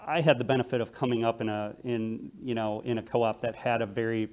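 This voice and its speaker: An American man speaking through a face mask, explaining his work on a panel in a halting, measured way. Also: mid-range voice, fairly even intonation, dull audio. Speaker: produce manager, panelist.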